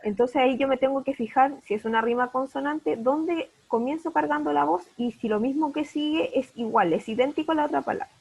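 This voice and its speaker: A woman's voice: sits high, a little fast, creaky, few pauses, darkish tone, rough recording. A woman teaching an online primary school class, patiently checking understanding with repeated questions. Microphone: video call.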